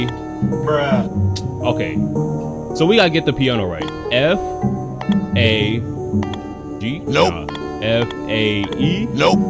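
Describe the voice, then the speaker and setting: A young American man giving casual, slangy gameplay commentary as a streamer, reacting aloud into a close microphone. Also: medium pitch. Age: young adult. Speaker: gaming streamer. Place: small indoor bedroom setup.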